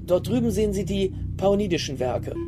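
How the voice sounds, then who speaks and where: An actor playing a calm, cultured and commanding space admiral in a sci-fi audio drama, speaking with measured, coolly didactic authority. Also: male voice, high-pitched. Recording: loud music behind the voice.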